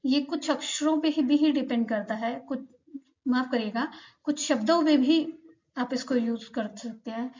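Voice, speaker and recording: एक महिला शिक्षिका धैर्य से पाठ समझाती है और हर उच्चारण को धीरे-धीरे दोहराती है।. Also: female voice, high-pitched, a little mellow, lo-fi sound. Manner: patient, repeats each sound slowly for learners. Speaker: Korean language teacher. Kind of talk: slow explanatory lesson.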